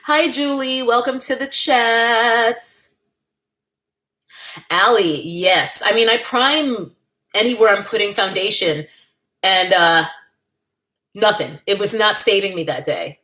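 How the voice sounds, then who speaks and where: Speaking slowly with many pauses, this livestream host has a mid-range voice that is bright and forceful. The young adult woman chats candidly with viewers from home, reading the chat, laughing often and making playful asides.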